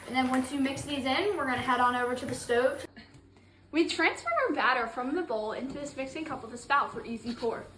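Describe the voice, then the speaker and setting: A woman's voice: sits high, brisk, a bit bright, distant mic. A woman presenting a cooking show, talking through a recipe step by step in a kitchen. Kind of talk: cooking demonstration. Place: indoor kitchen. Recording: echoey kitchen, off-mic, faint noise.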